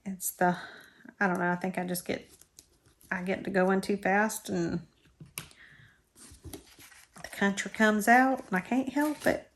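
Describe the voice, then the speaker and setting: A middle-aged woman from Florida, carrying a South Georgia drawl, hosts a crafting channel and rambles casually at her craft table. Her medium-pitched, steady voice runs a little slow with frequent pauses, and she's self-deprecating as she works; slight background noise is audible.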